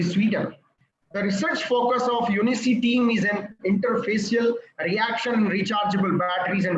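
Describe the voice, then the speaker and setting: High-voiced Indian man moderating a webinar. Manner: formal, slightly halting. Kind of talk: formal introduction. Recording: echoey lo-fi call with noise.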